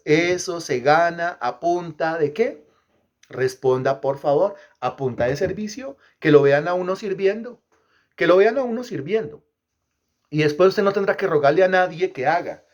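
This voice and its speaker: Emphatic preacher man, slightly high voice. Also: muffled recording. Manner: asks the congregation questions and repeats phrases; emphatic, rhythmic repetition. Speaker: pastor. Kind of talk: teaching sermon.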